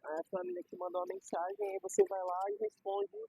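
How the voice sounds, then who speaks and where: A man's voice: very high-pitched, little pitch movement, quick pace, gravelly, mellow, slight background noise. A young man with a Brazilian Portuguese accent, chatting casually and explaining ideas with everyday examples and slang. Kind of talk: casual conversation. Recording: dull lo-fi recording.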